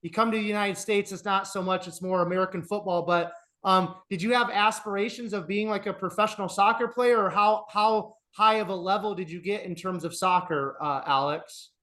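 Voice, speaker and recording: A man's voice: high voice, fairly quick, hardly any pauses, bright, forceful tone. A man hosting a podcast interview, asking questions in a friendly way with many "uh"s and repeated words. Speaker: podcast host.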